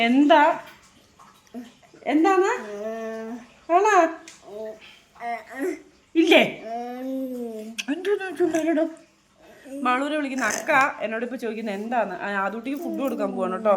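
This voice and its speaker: A woman's voice: a little high, echoey room. A woman chatting casually to her viewers in a home vlog, often turning straight to the audience. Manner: chatty, addresses viewers with frequent "kettō". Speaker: vlogger.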